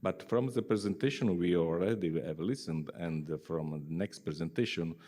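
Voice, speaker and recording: A man's voice: sits low, normal speed, mellow. A man introducing a conference session, hesitant and full of "uh" fillers. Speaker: session moderator. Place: conference hall. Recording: long hall reverb.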